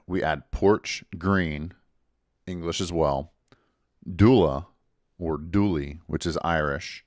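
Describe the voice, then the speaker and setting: A man with a very deep voice runs a genealogy channel, explaining things in a relaxed way. He goes through the numbers one step at a time, clearly and methodically. The audio is dry and close-miked, with no echo from the room.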